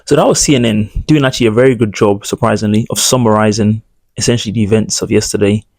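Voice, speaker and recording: A man's voice: fairly low pitch, fairly even intonation, quick pace, a little mellow, no room sound. A man hosting his own channel, giving emphatic, indignant commentary on news clips in long run-on sentences. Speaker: political commentary host.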